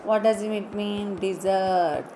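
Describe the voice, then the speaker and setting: A woman teaching an online English lesson, slowly spelling out words letter by letter and repeating them. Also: medium pitch, fairly even intonation, dark tone, a little hiss or hum, low-quality recording.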